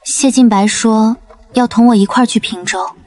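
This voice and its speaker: A brisk, high-voiced young noblewoman from a costume romance, played by an actress. She is firm and sharp-tongued and talks in quick, scolding turns. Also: steady tone, natural voice. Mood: calm. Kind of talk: costume drama acting.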